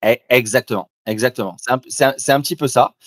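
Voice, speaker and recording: A man's voice: medium pitch, fast talker, fairly bright tone, dry recording, clean studio sound. A man doing live trading commentary, talking informally and directly to the listener with frequent restarts. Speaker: trader presenting a live trading demo.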